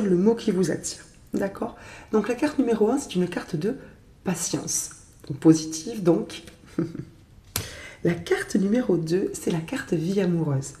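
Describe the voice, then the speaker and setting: A woman with a cold talks through a tarot reading in a gentle, chatty manner. Her voice is mellow and soft, and it carries a roomy echo. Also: mid-range voice. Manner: gentle, chatty, with many fillers. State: stuffy with a cold. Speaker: tarot reader. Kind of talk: casual tarot reading to camera.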